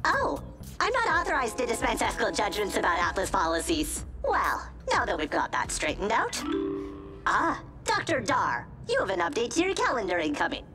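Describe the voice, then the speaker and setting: A woman's voice: on the high side, huge pitch swings, moderate pace, over music. A woman voicing a chipper, formal lab AI that speaks precisely and politely. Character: cheerful female lab AI, politely bureaucratic.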